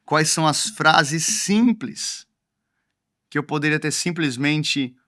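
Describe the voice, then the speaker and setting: Male preacher, bright slightly high voice, emphatic sermon delivery with repeated key lines. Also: slow.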